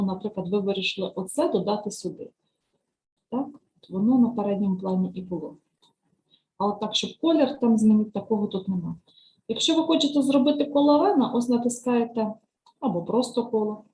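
A woman teacher trainer talks a screen-share tutorial through click by click, in a mellow, dark-toned voice. She explains each task patiently and keeps checking in with listeners. Her pitch sits at an ordinary middle height. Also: low-quality recording. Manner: talks through clicks step by step, often asks "right?"; explains language lesson tasks patiently.

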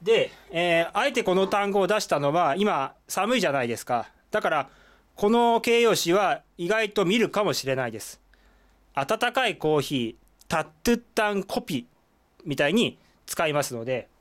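Speaking at a normal speed in a high voice, a Korean teacher breaks words down one step at a time on the whiteboard. He's animated and explanatory, leaning heavily on "eh" as a filler.

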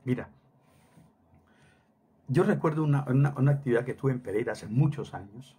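A man's voice: medium pitch, normal speed, warm tone, husky. A middle-aged man preaching a sermon emphatically, repeating phrases for stress and dropping Hebrew words into his talk.

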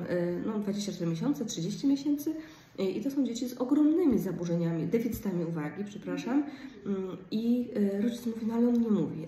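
A woman speech therapist explaining in an informal lecture, with frequent pauses and hesitation fillers. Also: mid-range voice, mellow. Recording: roomy, from a distance, faint background noise.

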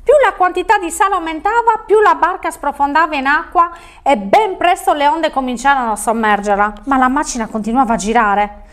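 Woman reading a kids' fairy tale, high voice, lively and expressive. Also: brisk. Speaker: storyteller on a children's show. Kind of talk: storybook reading for children.

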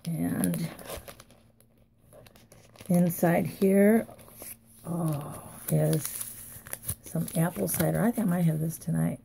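A woman's voice: lowish voice, fairly even intonation, slow pace, gravelly, long pauses, mellow, a little hiss or hum. A woman chatting casually to viewers as she unwraps craft mail, gushing and a little tired. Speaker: craft vlogger. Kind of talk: casual unboxing chat.

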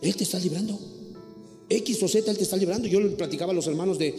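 A man preaches a lively sermon, slipping into shrill acted voices for the people in his stories. His voice sits a little high for a man. It rings through a church hall with a long echo. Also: fast, creaky. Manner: animated, acts out quarrels in a shrill voice. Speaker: pastor. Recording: echoey hall with faint music.

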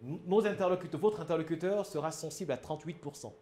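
A man's voice: a little high, fast talker, dark tone, roomy sound, a little hiss or hum. Man teaching with Cameroonian French accent. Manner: emphatic, asks the audience if it is clear. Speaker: public speaking trainer. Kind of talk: instructional talk.

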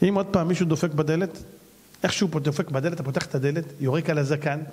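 A man's voice: fairly high pitch, steady tone, darkish tone, slightly rough, long reverb tail. A man voicing a shrewd friend who gives persuasive advice in a confiding tone.

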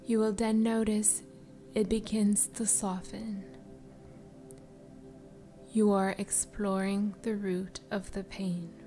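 A woman leads a guided meditation over background music. Her voice is soft and breathy, often sinking into a soothing spa whisper. She speaks very slowly at a medium pitch, leaving space between phrases. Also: flat delivery. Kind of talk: slow guided meditation narration. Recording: music behind the voice.

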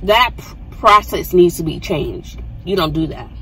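Speaking at a normal speed in a fairly low, animated voice that's bright and forceful, a middle-aged mother reviews food on her vlog while parked in her car. She chats, explains and poses follow-up questions to the phone camera on her dashboard, and the poor audio carries a little hiss or hum.

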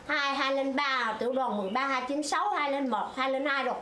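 An older former stage actress from Phú Yên, telling a wartime memory in an animated, exclamatory way. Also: female voice, fairly quick, echoey room, a little hiss or hum. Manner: animated storyteller, pitch leaping high in exclamations. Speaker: former hát bội actress. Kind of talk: emotional war memory interview.

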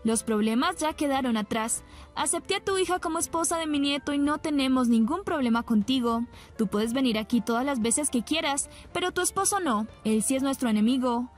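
Lady reading as a stern old grandma, firm and a bit high. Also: lively intonation, brisk, faint music behind. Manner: firm, unyielding. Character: stern older grandmother matriarch.

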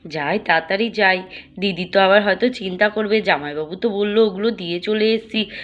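A woman voicing a brisk younger sister. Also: medium pitch, lo-fi sound, pitched below the performer's own voice, close to an everyday voice. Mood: explaining. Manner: brisk, explaining. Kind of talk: doll-play storytelling.

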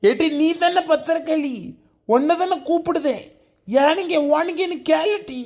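A woman's voice: very high voice, measured pace, darkish tone. A woman voicing an exasperated, scolding middle-aged husband and father, in a cartoon.

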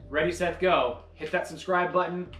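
A man's voice: a little high, fairly even intonation, normal speed, a bit bright. A man hosting a video channel in casual chat, jokey and keen to plug things. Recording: roomy echo, faint music behind.

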